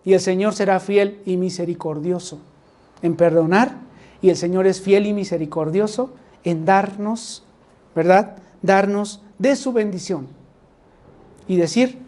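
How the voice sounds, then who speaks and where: A man with a Mexican accent and a high, darkish voice preaches a sermon a little slowly, frequently turning to the congregation with rhetorical questions.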